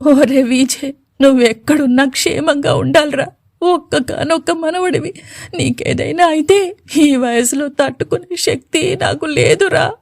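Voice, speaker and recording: A man's voice: very high-pitched, moderate pace, no room sound, clean studio sound. A woman voicing an elderly grandfather in a storybook, speaking in a trembling, emotional way. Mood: tearful. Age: older. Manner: trembling, tearful pleading.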